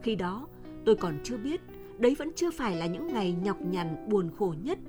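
A woman narrates a novel for a radio reading program, her voice at a middling pitch and her delivery steady and measured. Soft music plays faintly beneath her throughout. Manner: measured, even storytelling. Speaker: radio story reader.

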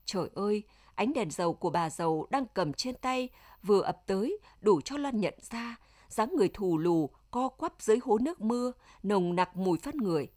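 A woman narrating an audiobook in a steady, measured way. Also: medium pitch.

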